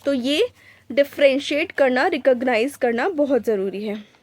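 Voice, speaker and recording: Woman doctor, teaching in a high voice, unhurried and full of fillers, dry close sound. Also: expressive, no room sound. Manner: mixes Hindi and English, slows down to read English textbook lines; frequent hesitation fillers. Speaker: doctor teaching clinical examination. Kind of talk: lecture video.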